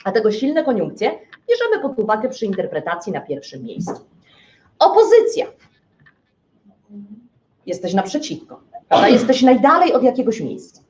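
Woman lecturer, lively and expressive, keeps checking in with listeners; dull lo-fi recording. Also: fairly high pitch. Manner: asks rhetorical questions and answers them. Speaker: astrology lecturer. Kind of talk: live lecture to an audience.

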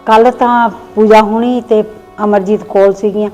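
A woman's voice: medium pitch, fairly even intonation, moderate pace, dark tone, dull audio, soft background music, lightly acted. A woman acting as a neighbor who drops by to share gossip in a family skit. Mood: confiding. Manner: chatty, confiding gossip.

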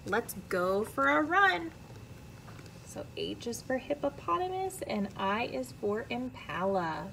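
An American woman around her thirties reads a children's picture book aloud in an indoor classroom, careful and expressive like a teacher, adding friendly asides for young listeners. Her voice is highish, sing-song, slow, gravelly and sharp, on poor audio with slight background noise.

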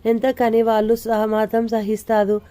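A woman's voice: fairly high pitch, completely flat delivery, normal speed, warm tone, lightly acted. A woman voicing a prying older male neighbor who lectures in a fatherly, preachy way, in an audio novel. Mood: lecturing.

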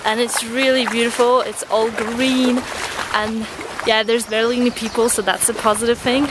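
A young woman chatting excitedly on a hiking trip, filming herself at arm's length outdoors by a stream. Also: a little high, normal speed, background noise. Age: young adult. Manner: chatty and excited, laughing often. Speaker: travel vlogger. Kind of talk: casual travel vlog. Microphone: camera phone held at arm's length.

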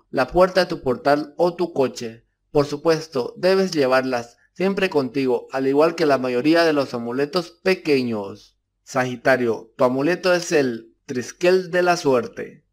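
A man giving a measured, even scripted narration as the narrator of a video. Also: a little high.

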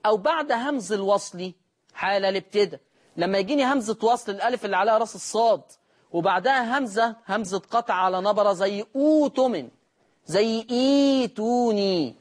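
A Quran recitation teacher with an Egyptian Arabic accent leads a classroom lesson on recitation rules in a voice high and light for a man. He puts questions to the class and answers them himself, slowing right down to chant quoted verses in long, drawn-out notes.

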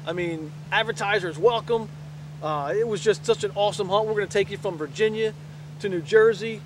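A middle-aged man guiding a turkey hunt, talking excitedly to the camera in a forest and plugging his website. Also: high voice, a little fast. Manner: enthusiastic, plugs his website. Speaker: turkey hunting guide and host. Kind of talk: excited outdoor hunting video talk. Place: outdoors in a leafy forest. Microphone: camera mic from a few meters. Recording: outdoor camera audio with loud background noise.

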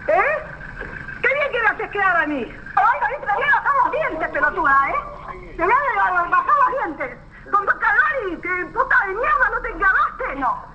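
A woman with an Argentine accent in a heated real argument inside a vehicle, furiously screaming insults and repeating herself. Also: extremely high pitch. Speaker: passenger in a fight. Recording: noisy lo-fi recording replayed off TV.

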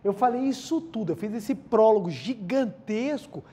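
A man's voice: sits high, lively intonation, moderate pace, warm tone, husky. A man with a Brazilian accent giving a spiritual lecture, telling personal stories, repeating key phrases and often addressing the listeners directly. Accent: Brazilian Portuguese.

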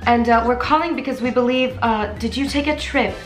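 A woman voicing a pompous female government ambassador with a put-on British accent, halting and mock-official. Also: a little high, reverberant, faint music behind, close to an everyday voice.

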